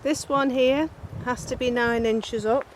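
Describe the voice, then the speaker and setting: A woman with a Scouse accent talks viewers through a job in her rural garden, chatty and blunt, with a self-mocking streak. Her voice sits a little high. The outdoor recording carries loud background noise from the farm and the sky. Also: fairly even intonation, a little slow. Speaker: vlogger. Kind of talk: casual how-to narration. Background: cows and a passing plane.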